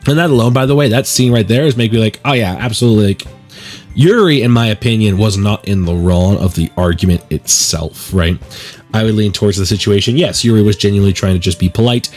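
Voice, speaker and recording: A gaming video host and musician gives conversational, opinionated let's play commentary and reads out narration. His lowish voice is fast and a little mellow, with faint music behind.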